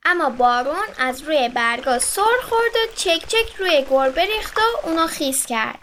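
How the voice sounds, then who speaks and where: A woman with a very high, bright voice takes turns narrating a children's story. She reads eagerly, in a clear storybook manner. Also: animated, slight background noise.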